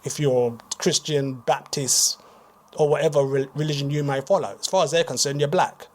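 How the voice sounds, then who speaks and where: A British man speaking as a guest author on a radio talk show, explaining in a measured way and repeating words as he thinks. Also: on the high side, fairly even intonation, slight background noise. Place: radio studio.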